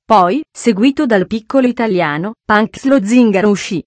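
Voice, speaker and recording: A woman's voice: mid-range voice, moderate pace, dry recording. A woman narrating an audiobook of a classic novel, reading the dialogue aloud in the characters' voices.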